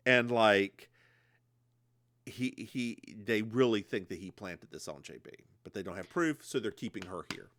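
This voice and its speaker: Recorded dry with clean studio sound, a lowish-voiced man chats on a podcast he co-hosts, recapping a TV episode. He tells it with animation and puts on voices when quoting the characters.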